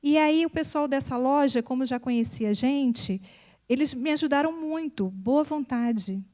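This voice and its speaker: A woman's voice: high-pitched, moderate pace, warm tone. A middle-aged woman, speaking to an audience about her own family, repeating words for emphasis and acting out bits of dialogue. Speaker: psychopedagogue and mother speaking at an event. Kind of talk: personal talk to an audience.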